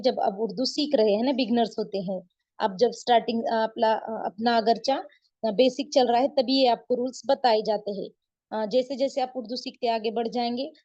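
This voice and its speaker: A woman's voice: on the high side, a little mellow, muffled recording. A woman giving an online beginner Urdu lesson, explaining patiently and repeating herself, often checking with her listeners and drawing out sounds to demonstrate them. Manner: patient, repetitive explaining with frequent checks like "isn't it?"; drawn-out demonstrations of word sounds. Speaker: Urdu teacher.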